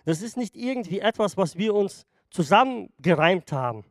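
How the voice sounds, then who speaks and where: A man's voice: high voice, big pitch swings, normal speed, no room sound, studio quality. A man preaching a sermon to his congregation in a conversational way, often checking in with them. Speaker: pastor.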